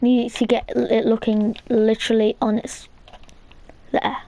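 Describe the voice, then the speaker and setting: Woman talking thru a game build, kinda high voice, rambly with lots of likes and ums. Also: little pitch movement, measured pace, mellow. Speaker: gaming channel host. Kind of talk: casual gameplay tutorial chat.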